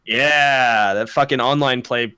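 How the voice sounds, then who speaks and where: A man's voice: mid-range voice, slow, sharp tone, smooth, no echo. A young man co-hosting a podcast, chatting casually, rambling, swearing a lot and laughing often. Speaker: podcast co-host. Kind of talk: casual chat.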